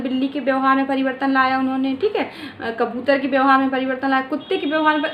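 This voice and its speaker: Woman exam-prep teacher, high voice, roomy echo with faint hiss, rhetorical questions and constant "okay" check-ins. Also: a bit bright. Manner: repeats "ठीक है" often, asks and answers own questions.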